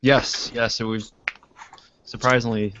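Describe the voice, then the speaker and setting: A man in his thirties chatting as a guest artist, halting and full of fillers. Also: medium pitch, flat delivery, a bit bright, slight background noise. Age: 30s. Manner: hesitant, lots of fillers. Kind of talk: casual chat on a video call. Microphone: video call. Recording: lo-fi video call audio.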